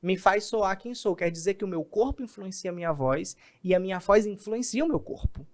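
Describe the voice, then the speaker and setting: A man, a communication specialist, explaining in an animated podcast interview and acting out examples. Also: sits high, fairly quick. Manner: animated, acts out examples in quoted voices.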